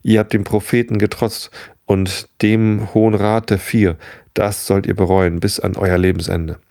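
A man's voice: on the low side, flat delivery, unhurried, a little mellow, dry recording, studio quality. A man reading the part of a boastful, self-important young suitor. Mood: threatening. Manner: boastful, pleading, later threatening. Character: pompous, eager young male suitor, self-important elder's son.

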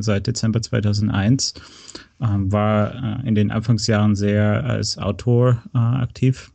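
A man in his thirties with a low, gravelly voice and a slight American accent in his German. He talks casually in halting phrases with many pauses, in a mellow tone and a dry, close sound. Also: dry recording. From North Rhine-Westphalia, Germany. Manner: hesitant, halting delivery with frequent pauses. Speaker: podcast guest. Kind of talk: casual interview, recounting.

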